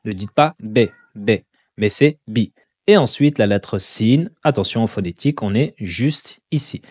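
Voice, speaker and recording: A man teaching Quran pronunciation step by step, patiently repeating syllables slowly and deliberately. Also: on the low side, lively intonation, a little mellow, husky, no echo, studio quality.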